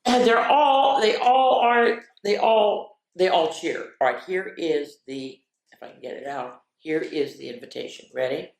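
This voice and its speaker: In an echoey, roomy space, a woman reads aloud to children with an expressive, playful delivery, dropping into whispers for the refrains. She pauses for chatty asides, addressing her young listeners directly. Her voice is on the low side and unhurried.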